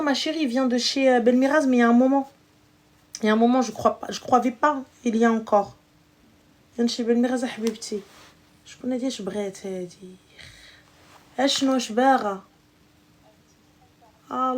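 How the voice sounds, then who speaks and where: A young woman with a voice a little higher than most chats casually on her live stream. She talks in a slangy, joking, teasing way and pokes fun at the people calling in. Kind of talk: casual live chat with callers.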